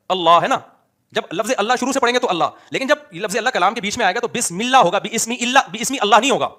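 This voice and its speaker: A middle-aged man, a cleric, giving an animated religious talk and mockingly correcting someone's reading. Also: sits high. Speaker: Islamic cleric.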